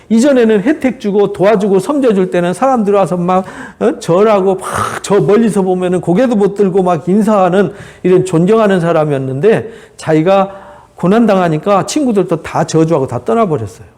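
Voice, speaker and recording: Man, pastor, Bible lecture, high-pitched voice, animated, acts out quotes.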